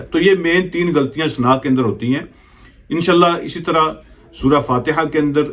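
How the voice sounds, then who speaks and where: A male religious teacher with a delivery, giving a patient lesson on recitation. He slows right down to sound out each Arabic phrase, repeating it several times in a mid-pitched, ordinary voice. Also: slightly rough. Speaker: Islamic teacher.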